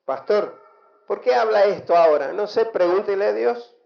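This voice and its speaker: A man's voice: high voice, normal speed, vocal fry. A man with an Argentine Spanish accent, a pastor giving an emphatic sermon and calling for responses from the congregation. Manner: emphatic preaching with call-and-response. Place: church hall. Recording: echoey church hall, dull lo-fi sound.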